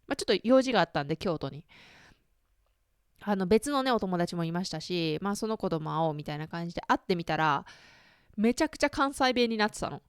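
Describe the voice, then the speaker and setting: Woman in her 30s just chatting to listeners, smooth clear voice, very dry close sound, lots of um and like. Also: lowish voice, lively intonation, fast talker, dry recording. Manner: chatty and self-deprecating, many fillers and asides to listeners. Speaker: podcast host. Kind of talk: casual chat.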